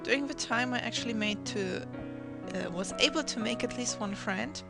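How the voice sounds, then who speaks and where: With a gravelly voice on the high side at normal speed, a teenage channel host from Russia, a native Russian speaker, narrates her own draw-my-life story. She hesitates and restarts often as music plays behind her.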